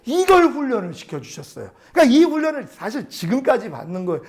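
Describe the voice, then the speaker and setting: A middle-aged male pastor preaching a testimony sermon, telling his story with animated storytelling and acting out dialogue with God. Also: very high voice, quick pace.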